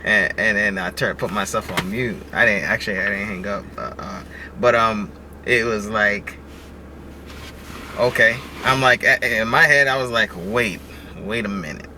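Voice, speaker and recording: A man's voice: lowish voice, fairly even intonation, moderate pace, bright, forceful tone, slight background noise. A man chatting casually in a car, easygoing, with frequent laughs and fillers. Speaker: vlogger, father. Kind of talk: casual chat.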